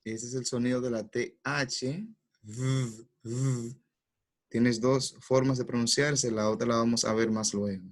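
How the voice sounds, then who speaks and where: A man teaching pronunciation in a lesson. He patiently explains each step and says every sound or word twice, slowly and carefully. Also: medium pitch, steady tone.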